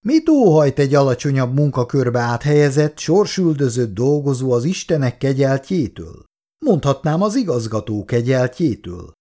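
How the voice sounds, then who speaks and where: A man's voice: medium pitch, very animated, warm tone, pitched above the performer's own voice, natural voice. A man doing a sneering, smug office clerk. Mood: mocking. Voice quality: mocking, smug.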